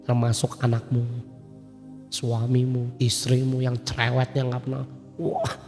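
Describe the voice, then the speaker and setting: A male preacher, telling a personal story in a casual sermon, swinging from loud emphatic peaks to quiet asides. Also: medium pitch, completely flat delivery, a little slow. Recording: long hall reverb, soft music behind.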